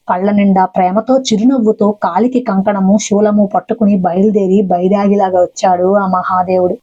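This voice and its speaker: Female devotional storyteller, gentle, advising listeners, husky warm tone, dull lo-fi recording. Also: mid-range voice. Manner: gentle, addresses listeners with advice.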